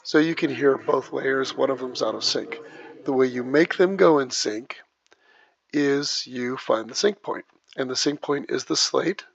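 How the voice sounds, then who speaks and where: A man walks through a video editing job click by click, his voice gravelly with a creaky edge. The track has a low sample rate, so it sounds dull and lo-fi. It is also dry and close, with no room around it. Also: a little slow, no echo. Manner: talks through each click as he works. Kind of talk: step-by-step screen tutorial.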